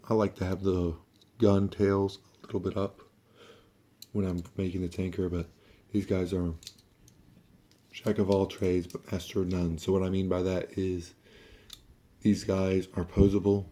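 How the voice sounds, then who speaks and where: Low, flat-toned sick man reviewing toys. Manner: offhand, halting, mildly sweary. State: sick, under-the-weather voice. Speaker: toy reviewer, host. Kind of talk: casual hands-on toy review, talking through steps.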